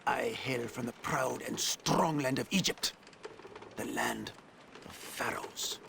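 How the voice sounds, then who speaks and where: An actor playing a proud, indignant captive sailor from Egypt who speaks in a formal, haughty way. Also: male voice, mid-range voice, slow, creaky, a bit bright, a little hiss or hum, exaggerated voice.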